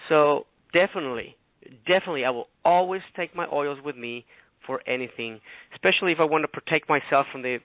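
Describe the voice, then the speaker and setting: A man's voice: fairly high pitch, quick pace, no room sound. Man from Ecuador on a phone line. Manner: chatty, rambling, animated retelling. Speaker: guest co-host. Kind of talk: casual storytelling on a radio show.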